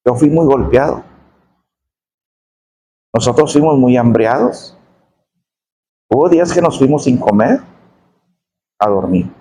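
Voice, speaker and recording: A middle-aged man telling a testimony in a sermon, his voice dropping low and slow on painful memories. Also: darkish tone, low-quality recording. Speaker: preacher giving testimony.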